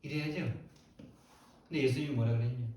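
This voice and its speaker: A male pastor preaching a sermon in a church, emphatic and quick to put rhetorical questions to the congregation. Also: mid-range voice, steady tone, darkish tone, a little hiss or hum. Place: church sanctuary. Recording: very echoey church hall, mic far off.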